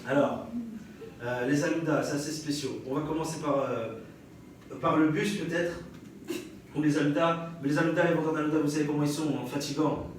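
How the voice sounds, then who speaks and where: A brisk young stand-up comic with a French accent shares stories before a live audience, chatting with them and laughing often. His voice is a little high, with fairly even intonation. The recording comes from a distant mic in an echoey room with audience noise.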